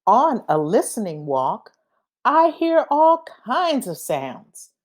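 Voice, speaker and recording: For an audience of young children, a woman reads a storybook aloud, acting out its sound effects along the way. Her deliberate, very slow reading sets off every phrase, and her voice is lively and highly varied in pitch.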